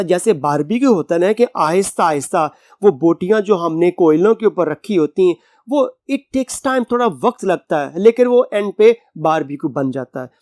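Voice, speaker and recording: A male English teacher with a Pakistani Urdu accent, giving a college lecture. He reads the English lines slowly, word by word, then explains them in Urdu with synonyms and everyday examples. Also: high voice, darkish tone, no room sound, studio quality.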